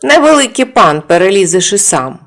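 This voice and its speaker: A woman's voice: mid-range voice, sing-song, normal speed. A woman voicing a mighty male strongman from a folk tale who answers bluntly and offhandedly. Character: mighty male giant who topples mountains, plain-spoken.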